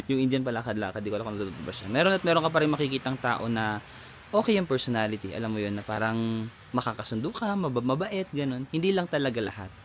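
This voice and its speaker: A man's voice: mid-range voice, animated, fast, slight background noise. A man, chatting animatedly in a casual travel vlog outdoors, laughing often. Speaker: travel vlogger. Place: outdoors in a lakeside village.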